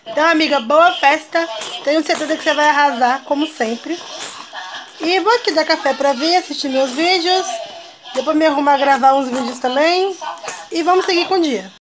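A woman's voice: high-pitched, normal speed, crowd noise. A young woman and mother chatting casually to her viewers as she narrates her day at home. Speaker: vlogger and mother.

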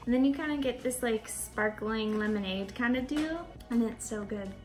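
Young woman, fitness vlogger, casual upbeat chat, filler words, fairly high voice, phone held at arm's length. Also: moderate pace, darkish tone, faint music behind, low-quality recording. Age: young adult. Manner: chatty, upbeat, lots of "like" fillers. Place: parked car and home kitchen. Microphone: phone camera at arm's length.

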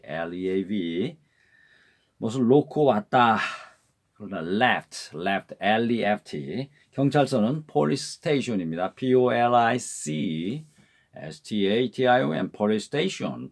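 A man's voice: fairly low pitch, darkish tone. A man teaching travel vocabulary, repeating each word many times and spelling it out letter by letter. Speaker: English teacher. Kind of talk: vocabulary drill lesson.

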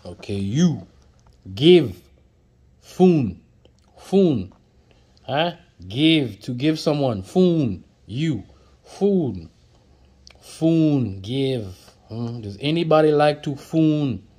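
In a casual flashcard lesson, a man with a husky, dark, mid-range voice talks very slowly and animatedly, leaving long pauses. He repeats each word and jokes with his viewers, seated off camera at a table indoors.

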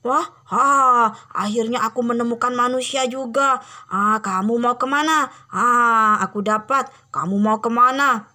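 A woman voicing a huge menacing giant who hunts children, talking slowly and gloating with booming laughs in a cartoon game drama. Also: sharp tone.

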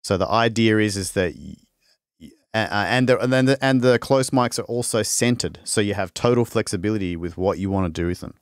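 A man demonstrates a string sample library on a live stream, talking loosely and rambling with restarts as he works and answers questions. His lowish voice moves a little fast, recorded in clean studio sound with no room sound.

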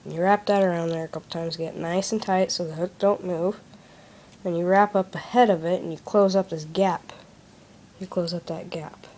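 A woman's voice: on the low side, fairly even intonation, moderate pace, a little mellow, a little hiss or hum. A woman giving a casual step-by-step how-to explanation at a desk in a small room, recorded on a handheld phone. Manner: plain, step-by-step instructive talk. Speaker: craft demonstrator.

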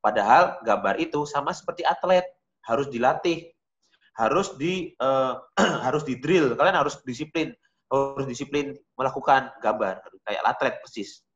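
A man's voice: mid-range voice, moderate pace, a bit bright, muffled recording. A man teaching a beginner digital painting class, talking casually and directly to his students. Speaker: art teacher.

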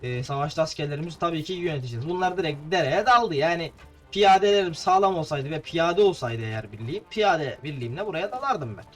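A young man from Turkey talks his viewers through a battle in a playful, chatty way. His voice sits a little high and he trips over his words now and then. Faint game music plays under him. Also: lively intonation, quick pace, a bit bright. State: slightly tongue-tied. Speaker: gameplay streamer. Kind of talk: casual gameplay commentary.

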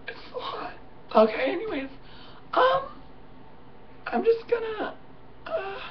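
A hoarse woman talks slowly to the camera, her high, rough voice swinging widely in pitch. She sounds worn out and stops often with fillers and soft laughs. The sound is muffled and a little distant, with faint room noise. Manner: tired, halting, many fillers and soft laughs. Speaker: vlogger. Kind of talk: casual chat to camera. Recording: muffled, slightly distant home recording.

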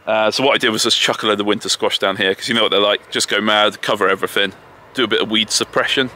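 Speaking fast in a lowish, sharp voice with fairly even intonation, a man from England shows viewers around his homestead garden and orchard in a chatty, self-deprecating tour. There's slight background noise, plus distant tractors and farm vehicles.

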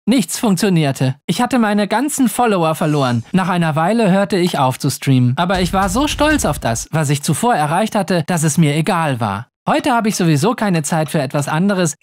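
Lively first-person story narrator. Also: medium pitch, moderate pace, hardly any pauses, a little hiss or hum.

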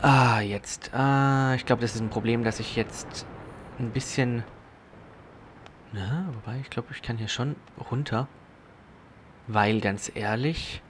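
A young man giving casual, rambling commentary as he plays a video game, talking to himself and breaking into sudden loud exclamations. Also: mid-range voice, slow pace, long pauses, noisy background. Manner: chatty self-talk with sudden loud exclamations. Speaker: let's play host.

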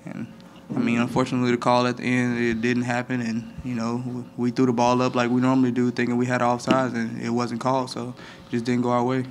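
A young college football player answers questions at a postgame press conference through a table mic, his medium-pitched delivery flat, steady, and measured, with many "I mean" fillers. Light room ambience and a little hiss or hum are audible.

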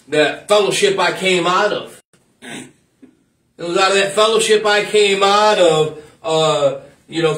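Preaching an informal church sermon, a man with a high-pitched, slightly bright voice repeats phrases and wanders into asides. He's recorded from a distance in an echoey room.

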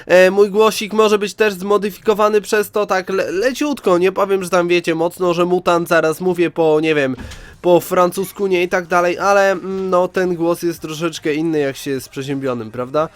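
Man, nasal and congested from a cold, high-pitched, dry sound, casual let's-play commentary, chatty. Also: flat delivery, moderate pace, no echo. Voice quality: nasal, stuffed-up voice. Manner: chatty, addresses viewers directly. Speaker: gaming video host.

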